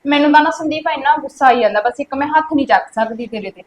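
An actress in a village web-series drama plays a stern sister-in-law who reproachfully scolds her young relative, speaking with a Punjabi accent. Her voice sits high and close to everyday speech, delivered at a quick pace.

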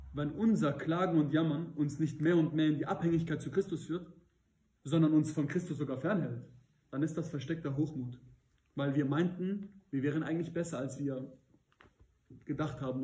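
Guy preaching bible study, kinda high but mellow voice, echoey room, gets loud on the big points. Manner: earnest, rises to emphatic peaks, asks listeners questions. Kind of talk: sermon. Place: church hall.

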